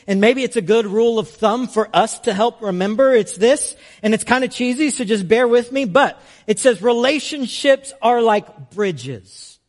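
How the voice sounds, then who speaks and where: A young man preaching a conversational sermon in a storytelling way, often using "like" as a filler. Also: sits high.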